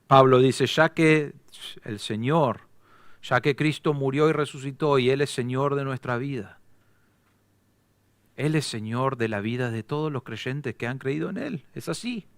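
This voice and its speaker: A man with an Argentine accent preaching a sermon as pastor, emphatic and quick to throw rhetorical questions at the congregation. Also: mid-range voice, dry recording. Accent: Argentine Spanish.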